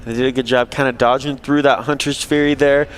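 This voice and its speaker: A man's voice: medium pitch, little pitch movement, brisk, a little hiss or hum. A man giving conversational colour commentary on an esports match, with game gunfire behind him. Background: video game gunfire and ambience.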